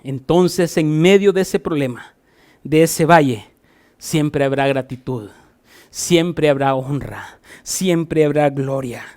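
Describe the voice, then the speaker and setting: Honduran pastor preaching with loud swells. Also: male voice, slow. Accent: Honduran Spanish. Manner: swings from loud emphatic repetition to soft low asides. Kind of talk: sermon.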